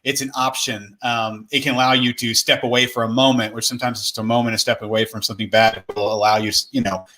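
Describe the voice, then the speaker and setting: Guy with bright sharp voice, thinking out loud casually, halting, keeps rewording. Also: medium pitch, little pitch movement, poor audio. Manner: halting, rephrases often. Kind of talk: casual reflective conversation.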